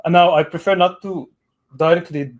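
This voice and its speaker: A man's voice: sits high, fairly even intonation, normal speed. A man in his thirties from Lebanon on a video call, speaking in a hesitant way with many fillers and restarts. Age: 30s. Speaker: caller. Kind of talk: casual debate on a video call.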